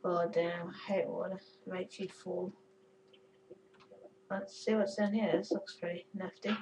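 A woman's voice: fairly low pitch, flat delivery, a little slow, darkish tone, far from the mic, slight background noise, rough recording. A woman giving chatty, goofy commentary while playing a game, cursing and giggling at her own jokes. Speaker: gamer. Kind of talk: casual gameplay commentary.

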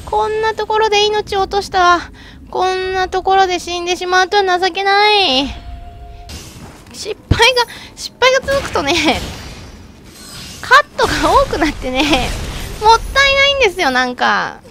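A woman streaming a game with excitable let's-play commentary, shrieking and chatting with self-mocking asides. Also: very high voice, measured pace, soft background music.

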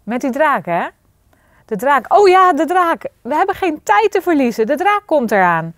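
A woman's voice: animated, takes it slowly, a bit bright, dry recording, clean studio sound. A woman voicing a young girl in a storybook reading, breathless and urgent. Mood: awkward. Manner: breathless, high-pitched and urgent. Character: panicky excitable young girl.

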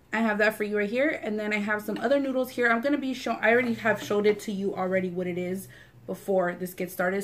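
A young adult woman hosting an eating video, chatting casually to camera in an informal, slangy way with some swearing. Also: mid-range voice. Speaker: mukbang host. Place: small furnished living room, indoors.

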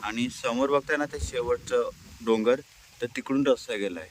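A man from Konkan, India, giving a relaxed, chatty walking-tour narration to his viewers outdoors in a hilly forest pasture. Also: medium pitch, moderate pace, slight background noise. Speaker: village vlogger.

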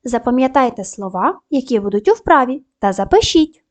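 A woman teaching a primary school video lesson, giving clear step-by-step instructions and spelling out sounds slowly with upbeat praise. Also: a little high, animated. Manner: clear, slow, syllable-by-syllable dictation; upbeat praise between tasks.

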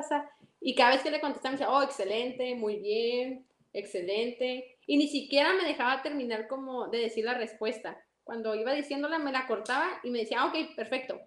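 High-voiced Mexican woman, echoey room. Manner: animated, acts out dialogue, laughs often. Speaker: interview guest. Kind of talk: casual storytelling.

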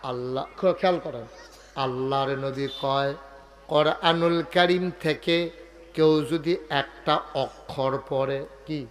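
A man's voice: medium pitch, fairly even intonation, slow. A man preaching a humorous sermon over a microphone at a religious gathering, drawing call-and-response from the crowd.

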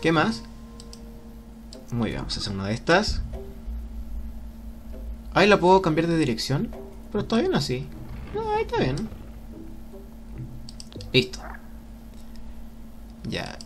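A man narrating a video game in a lively, excitable way. His somewhat high voice swoops all over the place as he whoops and cheers, and he takes his time, even while reading game text aloud. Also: unhurried, pauses often, soft background music. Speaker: let's play gamer.

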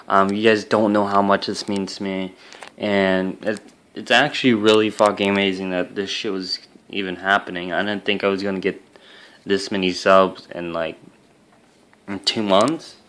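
This is a young man with a fairly low voice, talking straight to camera for his own gaming channel. He rambles in a loose, casual way, full of fillers and swearing, with an earnest, emotional tone as he thanks his viewers. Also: flat delivery, normal speed, a bit bright, smooth. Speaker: YouTube gaming channel host.

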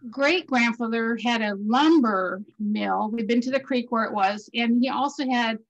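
A woman in her sixties chatting on a video call at a class reunion gathering, telling family stories in a lively, talkative way. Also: on the high side, moderate pace, muffled recording. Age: 60s. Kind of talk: casual video call chat.

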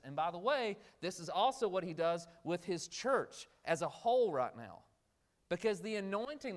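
A man preaching a midweek sermon in a conversational way, asking the congregation questions and acting out the characters he quotes. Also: a little high. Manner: acts out quoted characters in brief voices. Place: church.

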